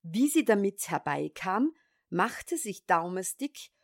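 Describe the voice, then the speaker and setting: A woman reading a fairy tale aloud as storyteller, calm and measured. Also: mid-range voice, dry recording, clean studio sound.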